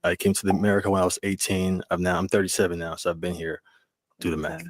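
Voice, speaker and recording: A man's voice: low voice, steady tone, fast, dry recording, studio quality. A man in his thirties from Liberia, plainly introducing himself. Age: 30s. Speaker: contestant in a played video.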